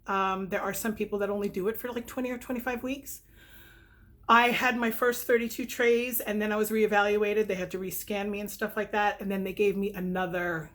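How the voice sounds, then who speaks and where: A woman's voice: medium pitch, fairly bright tone. A middle-aged woman chatting casually about products, rambling and candid, with whistling, slightly spitty s sounds. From lives in New York, United States. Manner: rambling, self-correcting, candid. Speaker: vlogger and direct-sales consultant reviewing products.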